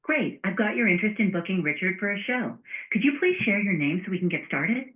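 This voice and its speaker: Over a tinny phone connection, an automated receptionist with a synthetic woman's voice delivers scripted, courteous service phrases. She speaks at medium pitch, brisk and animated.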